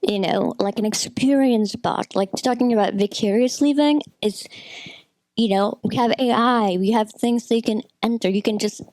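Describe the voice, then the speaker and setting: Slightly mellow and on the higher side, a female film critic's voice moves at a moderate pace as she gives informal, partly scripted commentary. She's opinionated and chatty, drifting into frequent asides, and the recording has no echo.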